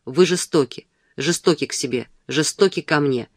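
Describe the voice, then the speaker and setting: Man reading a domineering, pleading suitor, audiobook, high-ish voice, dry sound. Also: normal speed, no echo, lightly acted. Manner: passionate, insistent pleading. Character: ardent, domineering young gentleman suitor. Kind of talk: audiobook dialogue.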